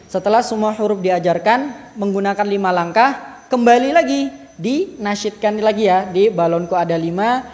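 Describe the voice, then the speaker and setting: A man's voice: high-pitched, a little mellow, long reverb tail. A Javanese man teaching a Quran recitation workshop, modeling letter sounds and explaining casually. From Java, Indonesia. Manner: drills syllables, then explains casually.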